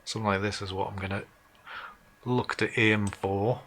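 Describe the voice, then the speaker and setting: A man's voice: fairly low pitch, fairly even intonation, moderate pace, a bit bright. A man with a Northumbrian English accent hosting a casual live tutorial, thinking aloud informally as he works. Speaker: host of a live photo-editing session. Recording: clear background noise, keyboard and mouse clicks.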